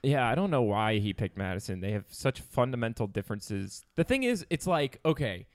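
A man co-hosting a casual podcast, recapping a reality show with sarcastic, animated banter. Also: mid-range voice, fairly quick, no echo. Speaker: podcast co-host. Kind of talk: casual chat.

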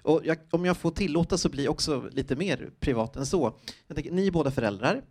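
A man moderating a public post-show talk, asking questions haltingly and searching for words. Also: on the high side, a little mellow. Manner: hesitant, many fillers, searching for words.

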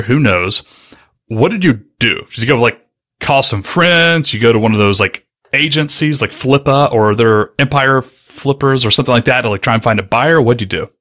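A male podcast host running a casual interview in a chatty, joking way. His voice sounds bright and forward. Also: medium pitch. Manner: joking, chatty, fast-talking.

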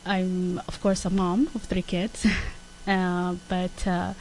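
Woman, 30s, from Somalia, gravelly low voice, flat delivery, faint hiss. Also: poor audio. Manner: halting, many fillers. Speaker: guest, social development worker. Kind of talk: interview.

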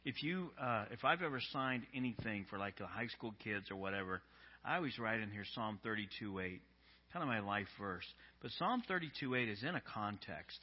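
A man's voice: on the low side, expressive, a little fast, breathy edge, muffled recording. A male pastor giving a sermon, telling stories conversationally with frequent restarts. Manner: conversational storytelling with many restarts.

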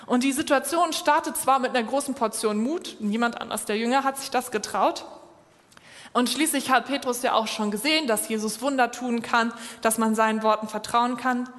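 A woman's voice: on the high side, moderate pace. A woman preaching a sermon and speaking straight to her listeners, urging them on. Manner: direct, encouraging address to listeners. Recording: long hall reverb.

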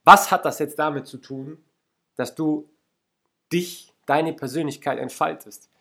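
A man's voice: a little high, a little slow, vocal fry, pushed and bright. A young man from the Lake Constance region, hosting a solo self-help podcast and speaking earnestly and directly to the listener. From Lake Constance region, Germany. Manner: earnest, addresses listener directly, repeats for emphasis. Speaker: podcast host.

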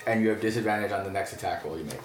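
A man narrating as game master of a tabletop game, relaxed and halting with fillers. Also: lowish voice, over music. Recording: roomy, distant mic, faint noise.

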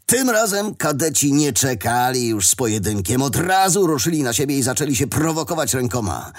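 A man reading a children's adventure story aloud as the narrator, with expressive storytelling. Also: medium pitch, moderate pace. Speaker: audiobook narrator.

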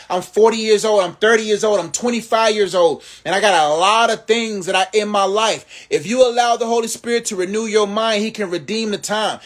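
A man preaching and motivating viewers in a live social media Q&A, talking to them like family in a rhythmic, sermon-like way. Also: high voice.

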